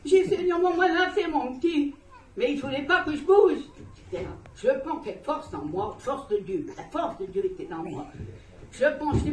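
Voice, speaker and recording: A woman gives a heartfelt church testimony, rambling and emotional, with laughter breaking into her words. Her voice is high and swings widely in pitch. She sounds distant from the mic, in an echoey room. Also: a little mellow. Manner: emotional, rambling, laughs often while telling. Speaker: church member giving testimony. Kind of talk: spoken religious testimony.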